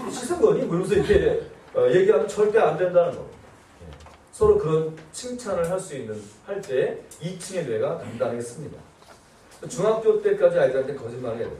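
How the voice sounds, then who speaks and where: A man, a pastor, giving a lively church seminar and acting out nagging quotes in shrill voices. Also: echoey room, far from the mic, slight background noise. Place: church hall.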